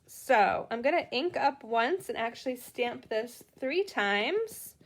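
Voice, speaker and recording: During a live card-making session, a middle-aged woman with a Boston accent greets her viewers and chats while working, her voice a little high.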